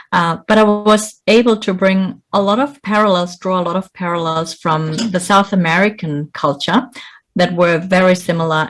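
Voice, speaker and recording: Middle-aged woman from bolivia, lowish voice, earnest encouraging interview answers. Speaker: executive coach.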